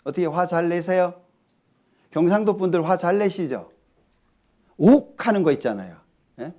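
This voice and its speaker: Guy preaching a sermon, high voice that jumps all over, keeps asking the crowd stuff. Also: moderate pace. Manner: lively, asks the congregation questions. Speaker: pastor. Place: church hall.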